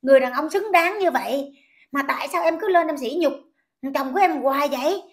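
High-voiced scolding woman with a southern vietnamese accent. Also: a little fast. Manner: indignant, scolding, repetitive questions. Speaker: commentator. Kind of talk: ranting commentary vlog.

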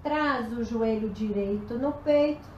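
High, slow-spoken woman leading pilates. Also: roomy sound, muffled recording, slight background noise. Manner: counts reps aloud while doing the exercises, strained and breathless. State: out of breath, voice faltering. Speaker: pilates teacher. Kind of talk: live-streamed home exercise class. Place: room at home.

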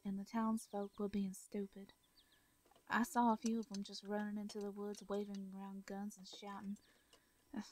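Speaking in a soft, mid-range voice with a Southern accent, a woman plays a shy, caring hermit farmer woman in a comforting audio roleplay. She stammers and laughs lightly, and there is no echo.

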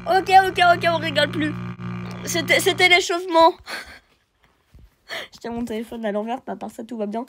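A woman's voice: high-pitched, normal speed, pauses often, fairly bright tone, slight background noise. A young woman who has a cold, chatting and joking her way through a horror game, teasing its characters as she plays. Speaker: gaming video host. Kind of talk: casual gameplay commentary. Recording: music playing in the background.

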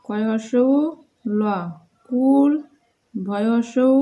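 A woman with a Bengali accent teaching young children, spelling out letters and words in a slow, sing-song way. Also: a little high, dull audio.

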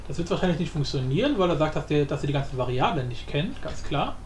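Over a screen capture in an indoor room, a hobby game programmer hosts a casual coding tutorial, muttering slangily to himself as he thinks aloud. His voice is a little high, fast and sing-song, with roomy echo and faint background noise.

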